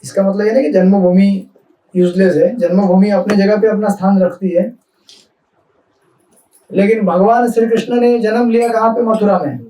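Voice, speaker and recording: A man's voice: sits high, steady tone, moderate pace, long pauses, dark tone, slight background noise. A man giving a conversational devotional talk in Hindi-mixed speech, asking the audience questions as he goes. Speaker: spiritual speaker. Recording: echoey hall, mic from a distance.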